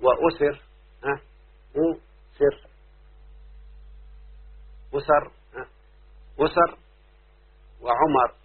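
A man's voice: a little high, very slow, pauses often, slightly rough. A man with an Egyptian accent teaching a classroom lesson as a sheikh, stopping often to quiz his students. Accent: Egyptian Arabic. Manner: keeps quizzing students with repeated questions. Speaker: sheikh teaching Arabic rhyme. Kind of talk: classroom lecture. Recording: very tinny lo-fi recording.

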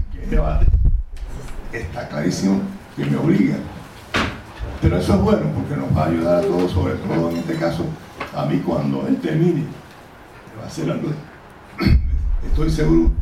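Older Cuban man, animated in an echoey room. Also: medium pitch. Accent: Cuban Caribbean Spanish. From Cuba. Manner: frequent throat-clearing, digressive. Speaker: academic conference speaker. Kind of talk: informal extemporaneous lecture. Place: indoor conference room, recorded from afar. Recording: very echoey noisy room, distant mic.

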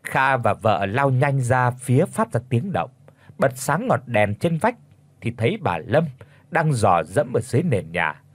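A man reading a dramatic story aloud as an audiobook narrator, expressive throughout. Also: medium pitch, a little slow, husky, dry recording.

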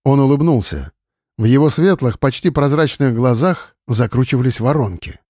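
A man narrating an audiobook in an even, measured reading style on a close mic. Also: mid-range voice, dry recording. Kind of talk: scripted narration.

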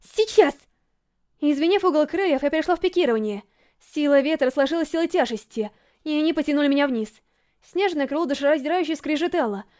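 A woman reading a first-person novel aloud as an audiobook narrator, with dramatic, emotionally expressive storytelling. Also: high-pitched, quick pace.

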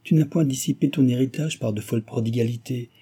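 A man's voice: mid-range voice, fast, mellow, husky, voice pushed up, natural voice. A man voicing a stern, brooding older man who moralizes severely, read as a character in an audiobook. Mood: severe reproach. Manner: severe, reproachful declaiming.

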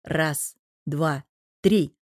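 A woman reading an audiobook and voicing a cool-headed young gunman who speaks in a hushed, terse way. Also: low-pitched, extremely slow, dry recording, studio quality, exaggerated voice.

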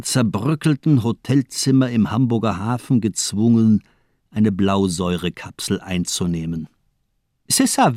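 In a German radio crime drama, a man plays a cold, cynical, calculating doctor who kills, speaking eloquently and deliberately with coolly ironic phrasing. His pitch is fairly low, and the clean studio sound has no echo.

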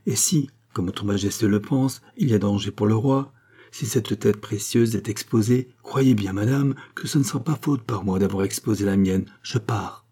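A man's voice: lowish voice, moderate pace, dark tone, husky. A man voicing an insistent young nobleman. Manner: insistent, earnest. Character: proud, anxious young nobleman. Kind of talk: audiobook reading.

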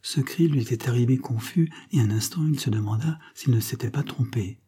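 A man's voice: medium pitch, brisk, warm tone, breathy edge. A man narrating an audiobook as a dramatic scripted reading.

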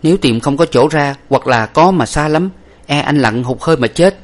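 A man's voice: fairly high pitch, expressive, moderate pace, pitched above the performer's own voice, natural voice. A man voicing an anxious young woman who urgently begs her companion not to take a risk. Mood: alarmed pleading. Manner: urgent pleading.

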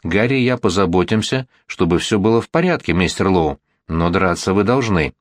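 A man reading an audiobook voices a stern gentleman who speaks formally and insists on a duel. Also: deep voice, expressive, fairly quick, no room sound, studio quality. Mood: firm.

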